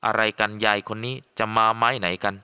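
Bright, crisp male audiobook narrator. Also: on the low side, a little fast. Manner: steady, storytelling. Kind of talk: scripted first-person story narration. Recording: long reverb.

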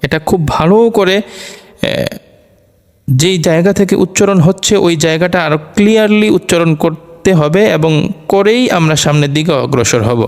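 A man teaching Quran letter pronunciation, explaining slowly and repeating each Arabic letter over and over for practice. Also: high voice, clean tone. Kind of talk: slow explanatory lesson with drilled letter sounds. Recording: long reverberant room echo.

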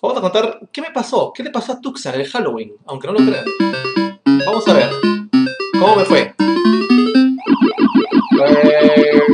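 Peruvian male gamer host, excitable and foul-mouthed, echoey room, loud music behind. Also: a little high, normal speed, pauses often. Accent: Peruvian Spanish. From Peru. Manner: excitable, swears constantly, jumps between storytelling and outbursts. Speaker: gaming video host. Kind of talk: casual gameplay commentary.

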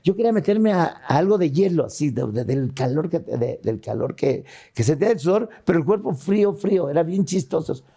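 A man's voice: a little high, very animated, brisk, vocal fry, hardly any pauses, warm tone, breathy edge. An older man with a Mexican accent, a guest in a casual interview, retelling a hard time in an earnest, emotional way.

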